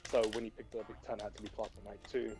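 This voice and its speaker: A British man co-hosting a stream, talking casually and wandering through his thoughts with plenty of fillers. Game music plays clearly underneath his voice. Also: on the low side, level tone, very fast, poor audio. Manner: chatty, rambling with fillers. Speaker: stream co-host. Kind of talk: casual chat. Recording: loud game music behind.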